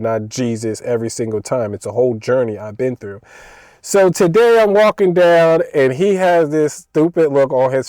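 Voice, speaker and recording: A young man telling a story from his job in a casual, slangy way, laughing as he talks and getting loud as he acts out the scenes. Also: mid-range voice, no echo, rough recording. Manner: animated, slangy, laughs while telling, loud when retelling. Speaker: vlogger.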